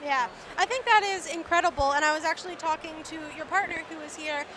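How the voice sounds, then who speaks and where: A Canadian reptile vlogger interviews vendors casually in an indoor expo hall, sounding upbeat and enthusiastic even as she loses her voice. Her voice is very high, fast, pushed and bright, with a little hiss or hum in the recording.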